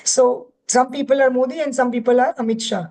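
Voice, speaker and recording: A woman leading an online healing workshop, speaking gently and coaxing, with Hindi words mixed in. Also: sits high, fairly even intonation, brisk, rough recording. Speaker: workshop teacher.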